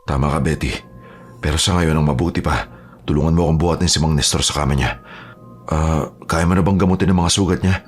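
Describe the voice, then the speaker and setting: A man as a husky, fast-talking aswang hunter. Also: a bass voice, steady tone, soft background music. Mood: calm. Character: steady young male aswang hunter.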